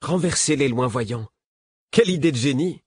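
A man's voice: mid-range voice, expressive, normal speed, slightly rough, no echo. A man voicing an earnest young boy in an audiobook, speaking bluntly. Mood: sarcastic.

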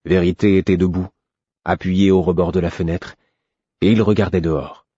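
A man reading a novel aloud in calm first-person narration. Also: low-pitched, moderate pace, breathy edge, no room sound, dull audio. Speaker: audiobook narrator.

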